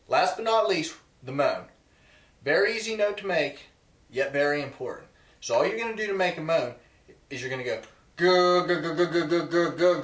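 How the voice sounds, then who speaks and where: Echoey male instructor, slightly high-voiced. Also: fairly bright tone. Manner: emphatic, repeats key points for stress. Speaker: presenter teaching goose calling. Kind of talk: instructional video talk to viewers. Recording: echoey, roomy sound.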